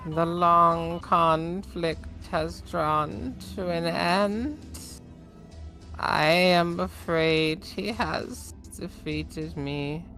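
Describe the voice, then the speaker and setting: A woman voicing a weary, dying old mentor in a game, speaking slowly and solemnly. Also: on the low side, bright, forceful tone, faint music behind, heavily acted. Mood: solemn farewell. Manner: slow, drawn-out, solemn delivery.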